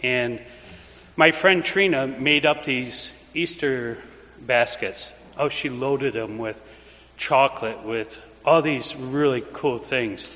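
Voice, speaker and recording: An older man, a priest, giving an informal anecdotal homily in conversational, halting phrases in a reverberant church. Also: medium pitch, bright, forceful tone. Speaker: priest, pastor.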